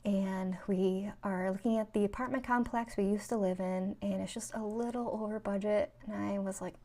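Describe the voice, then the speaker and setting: Telling stories casually, this woman from New York, USA, rambles on as a spiritual vlogger, her speech full of "like" and "um." She speaks at normal speed in a steady, mellow, medium-pitched voice.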